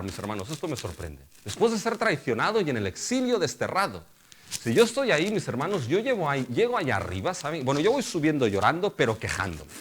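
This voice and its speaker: A middle-aged male pastor preaches a sermon in a fairly high-pitched voice. He keeps calling the congregation brothers and putting rhetorical questions to them.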